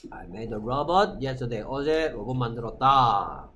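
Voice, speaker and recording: Guy teaching english to a class, talks real slow, keeps checking everyone's got it, faint hum in the room. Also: medium pitch, lively intonation, a bit bright. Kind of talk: classroom lesson. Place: school classroom.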